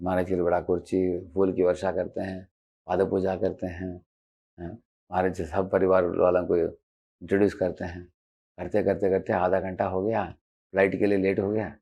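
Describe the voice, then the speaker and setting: The recording loses its high end as a spiritual teacher, speaking low, mellow and husky at normal speed with little inflection, gives a devotional lecture about assertive speech. His style is conversational: Hindi laced with English terms, frequent "haan" fillers, slide explanations and little acted-out quotes.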